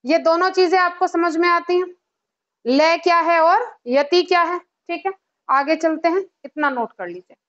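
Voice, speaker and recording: A woman's voice: very high voice, a little slow, fairly bright tone, lo-fi sound. A woman Hindi teacher giving an online exam-prep lecture, explaining with rhetorical questions and repeated check-ins to her students. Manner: chants verse examples in a sing-song rhythm.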